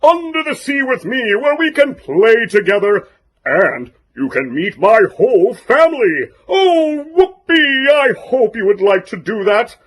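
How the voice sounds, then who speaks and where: Jolly undersea shark character for kids, high-pitched and swooping, bouncy and friendly, taking his time. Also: big pitch swings, a little slow, full character voice, poor audio. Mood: jolly, encouraging. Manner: bouncy, exclaiming, playful talk to a child. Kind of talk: children's character greeting with sing-along.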